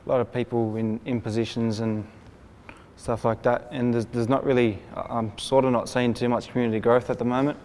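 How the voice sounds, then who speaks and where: A man's voice: medium pitch, flat delivery, fairly quick, a little mellow, slight background noise. A young Australian man of twenty-five speaking hesitantly on a youth panel. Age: 20s. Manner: hesitant, many fillers. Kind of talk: casual discussion.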